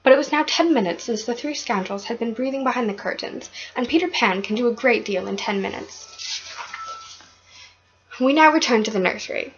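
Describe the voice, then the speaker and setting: A woman's voice: fairly high pitch, moderate pace, muffled recording, soft background music. Woman reading a storybook aloud. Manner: expressive, occasional stumbles. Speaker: reader of a children's book.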